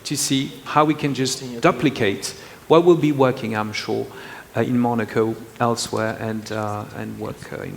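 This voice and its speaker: A man's voice: medium pitch, steady tone, normal speed, creaky. A male panelist speaking hesitantly with many fillers and slightly non-native phrasing. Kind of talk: panel discussion. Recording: reverberant hall with faint noise.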